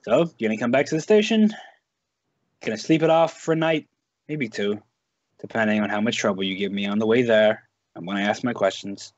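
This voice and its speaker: A man's voice: lowish voice, brisk, no echo, highs cut off, natural voice. A man voicing an impatient armed male cop who talks in blunt, clipped threats. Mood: contemptuous. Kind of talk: in-character tabletop role-play.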